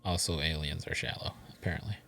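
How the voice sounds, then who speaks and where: A man's voice: rumbling low, fairly even intonation, quick pace, gravelly, a bit bright, soft background music. A man co-hosting a podcast, chatting casually and trading teasing jokes. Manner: joking, teasing banter. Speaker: podcast co-host. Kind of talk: casual chat.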